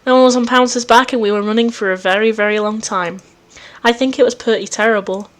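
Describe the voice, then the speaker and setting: A woman reading the lines of a shy, sweet young troll girl with cat ways, in a soft, wistful, apologetic manner. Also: fairly high pitch, fairly even intonation, a little fast, lightly acted.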